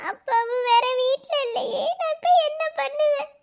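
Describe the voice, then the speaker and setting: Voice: extremely high pitch, moderate pace, creaky. A performer voicing a pregnant young mother in a cartoon story, groaning and tearful from labor pain. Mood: strained.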